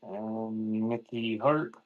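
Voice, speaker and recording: On what sounds like a phone-quality line, with faint music in the background, a man draws out his words while hosting a live online cassette tape auction. His voice is on the low side and his intonation fairly even as he announces items in relaxed, spontaneous sales patter.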